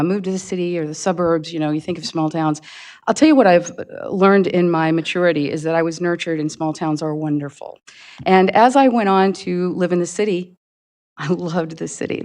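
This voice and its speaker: An older woman, a retired teacher from Indiana, delivers a prepared campaign statement to a public forum. Her voice sits a little low, and she talks in an earnest, halting way, pausing on fillers and restarting her phrases. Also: a little mellow. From Indiana, USA. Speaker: county board candidate.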